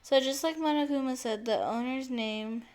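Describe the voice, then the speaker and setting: A woman's voice: high-pitched, moderate pace, darkish tone. A young woman streamer reading a visual novel aloud, narrating dramatically with giggles and restarts.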